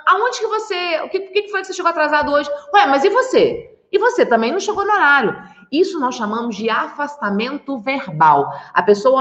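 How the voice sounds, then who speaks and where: A woman with a Brazilian Portuguese accent, a body language expert explaining in an interview, lively and acting out little quoted scenes. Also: on the high side. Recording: echoey roomy dull sound.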